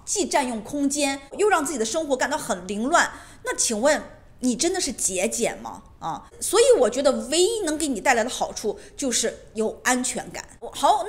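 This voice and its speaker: A woman giving a casual monologue to camera at home, emphatic and repetitive, often asking rhetorical questions. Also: a little high. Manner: emphatic, repeats phrases, asks rhetorical questions. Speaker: lifestyle vlogger on decluttering. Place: her home.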